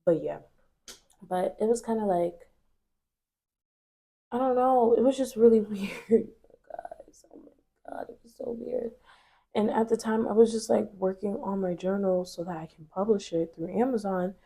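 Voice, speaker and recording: A vlogger in her twenties, nasal from a cold, talks unhurriedly to camera in a mid-range, gravelly, dark-toned voice, pausing often. She relates a personal story in a candid, chatty style thick with fillers.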